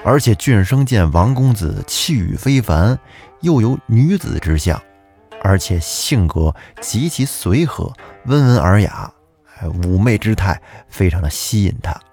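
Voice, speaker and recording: A man's voice: lowish voice, expressive, measured pace, gravelly, a little mellow, husky, faint music behind. A man narrating a folk tale as storyteller host, chatty and turning to address his listeners.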